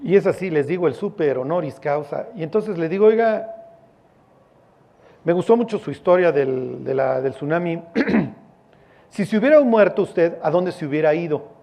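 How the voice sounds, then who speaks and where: A man's voice: a little high, lively intonation, normal speed, gravelly, dark tone. A man with a Mexican accent preaching a sermon as a pastor, in a casual, joking, storytelling way with slang.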